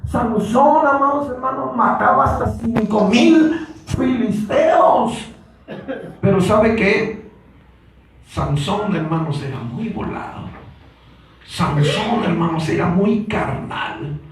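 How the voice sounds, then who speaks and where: Male Pentecostal preacher, very high voice, slow fervent delivery, keeps repeating "brothers", booming church echo, off-mic. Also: lively intonation, noisy background. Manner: repeats "hermanos" constantly, rising to shouts. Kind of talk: Pentecostal sermon. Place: church hall. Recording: very echoey church from a distance.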